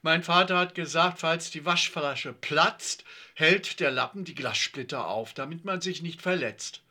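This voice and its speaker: A man's voice: on the high side, measured pace, sharp tone, exaggerated voice. A man voicing an earnest schoolboy who explains a homemade experiment. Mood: earnest explaining.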